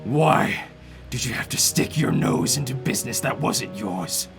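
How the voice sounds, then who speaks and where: A man's voice: medium pitch, expressive, a little slow, gravelly, over music. A man voicing an angry, war-hungry orc leader with an indignant, zealous manner. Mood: accusing.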